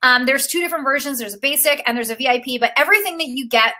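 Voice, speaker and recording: Gushing high-pitched woman coach. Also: rapid-fire, sharp tone. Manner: gushing, emotional, filler-heavy with frequent "like". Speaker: acting career coach. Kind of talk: live-stream course pitch.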